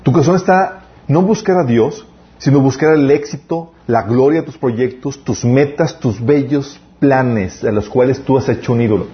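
A man giving a casual sermon as youth pastor, full of restarts and slowed emphatic phrases. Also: mid-range voice, highs cut off. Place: church.

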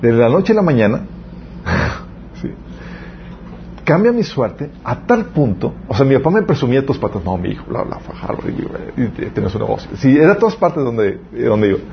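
A young youth preacher gives a conversational sermon, telling lively stories and speaking straight to his audience. His mid-range voice is gravelly and at normal speed, in a slightly muffled recording with faint background noise.

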